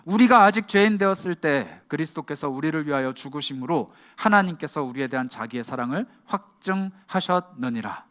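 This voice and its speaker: A male youth pastor delivering an impassioned sermon, shifting to a hush at key words and acting out quoted lines. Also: on the high side, animated, a little fast, few pauses.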